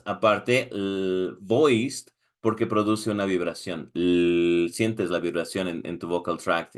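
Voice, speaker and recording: Mexican male teacher with a lowish voice, patient step-by-step explainer, keeps checking in with viewers. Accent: Mexican Spanish. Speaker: English teacher preparing exam candidates. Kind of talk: screen-recorded lesson, switching between Spanish and English.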